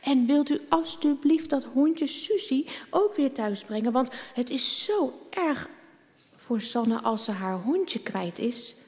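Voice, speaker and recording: A woman's voice: sits high, lively intonation, slow, in a large hall, heavily acted. A woman voicing a thoughtful, earnest little boy in a children's story read aloud. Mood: prayerful. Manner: soft, earnest boy's voice.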